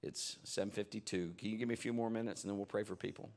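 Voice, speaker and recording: Gravelly low-voiced man preaching. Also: quick pace. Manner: conversational, animated retelling with acted-out quotes. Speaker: pastor. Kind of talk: sermon storytelling. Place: church service.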